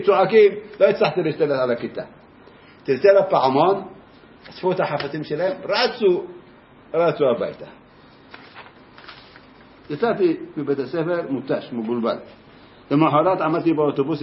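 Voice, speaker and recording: A man, a teacher, telling a personal story in a lively first-person way, briefly acting out the voices of the people in it. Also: fairly high pitch. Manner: lively, acts out voices in his anecdote. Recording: roomy, dull lo-fi sound.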